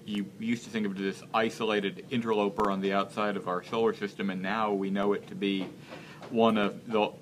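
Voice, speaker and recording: A man in his thirties, an interview guest speaking in a casual live-stream chat, earnest and halting as he searches for words. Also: lowish voice, fairly bright tone, slight background noise. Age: 30s.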